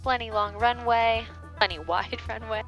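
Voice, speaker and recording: A woman pilot talks through her preflight checks and radio calls on a cockpit headset mic, in calm, methodical callouts. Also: fairly high pitch, measured pace, dull audio, soft background music. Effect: pilot speaking on a cockpit headset mic. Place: small twin-engine airplane cockpit. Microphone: aviation headset.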